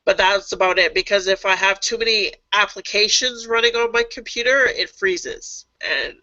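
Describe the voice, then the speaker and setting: High tense-sounding guy on a call, lots of ums, dry tinny audio. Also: normal speed, sharp tone, dry recording. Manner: hesitant, many fillers. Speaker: team member on a call. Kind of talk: casual group call.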